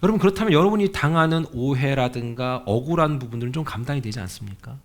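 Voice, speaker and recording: A man's voice: mid-range voice, lively intonation, fast. A male senior pastor preaching a sermon in a conversational way, often asking the congregation questions and acting out the voices he quotes. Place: church sanctuary.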